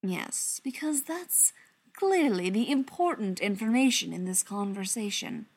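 A woman's voice: mid-range voice, fairly even intonation, slow pace, darkish tone. A woman voicing a tense, bitter male vampire leader who speaks curtly. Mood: bitter defensive. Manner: curt, through gritted teeth.

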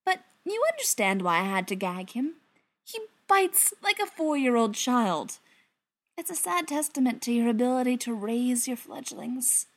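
A woman's voice: sits high, sing-song, a little slow, voice pushed up, heavily acted. A woman voicing a smug, mocking male vampire elder in an audiobook reading. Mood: smug taunting.

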